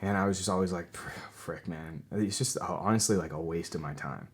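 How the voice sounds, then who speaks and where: A man's voice: sits low, brisk, slightly rough. A young man in a casual interview, telling stories with many fillers and acting out what people said. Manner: animated storyteller, acts out quotes loudly; filler-heavy, many restarts. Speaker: podcast guest. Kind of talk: casual conversation.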